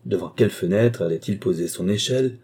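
A man with a deep, mellow, slightly rough voice speaks fairly quickly while voicing an audiobook character. The role is a sly, wordy, deferential adult valet whose speech is long-winded and ceremonious.

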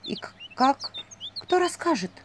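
A woman voicing a shy but earnest young maiden heroine, speaking up brightly. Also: high-pitched, big pitch swings, unhurried, a little hiss or hum, voice pushed up.

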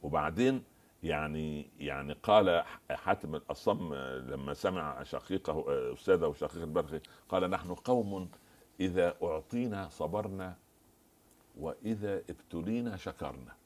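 A man's voice: low-pitched, normal speed. A man as the scholar guest on a TV religious discussion, preaching and quoting scripture and stories.

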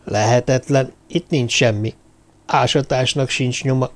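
A man's voice: mid-range voice, steady tone, natural voice. A male narrator voicing a startled male archaeologist who grumbles and stammers. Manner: grumbling, hesitant.

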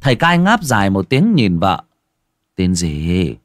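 A man narrating a ghost story theatrically, dropping to a hush and rising sharply. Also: medium pitch, huge pitch swings, moderate pace, dry recording. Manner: theatrical, swings from hushed to loud.

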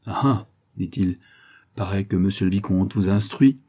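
A man voicing a guarded, patronizing middle-aged farmer who speaks slowly, in an audiobook. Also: low voice, mellow, slightly rough. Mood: wary. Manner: patronizing, slow.

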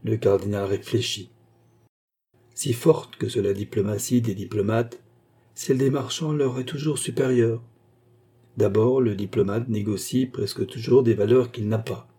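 A man narrating a classic novel aloud in a measured, even storytelling manner. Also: lowish voice, slightly rough. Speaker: audiobook narrator.

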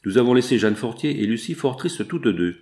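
A man narrating a classic novel in a measured, dramatic reading. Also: mid-range voice, lively intonation, darkish tone. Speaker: audiobook narrator. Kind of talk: scripted literary narration.

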